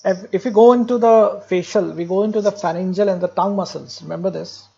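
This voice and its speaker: High-voiced, male medical lecturer. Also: fairly even intonation, quick pace, creaky, dark tone, husky, lo-fi sound. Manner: jokey, explanatory, repeats key points. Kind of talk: classroom lecture.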